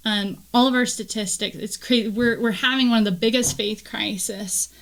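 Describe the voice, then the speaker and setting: A woman's voice: a little high, normal speed, low-quality recording. A woman co-hosting a casual gospel discussion, talking earnestly and acting out the people she quotes. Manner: earnest, animated retelling with quoted voices. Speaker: co-host.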